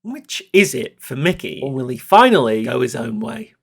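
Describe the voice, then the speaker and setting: A man's voice: medium pitch, big pitch swings, normal speed, gravelly, husky. A young man hosting a scripted video essay, chatty with wry, sarcastic asides. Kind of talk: scripted commentary with jokes.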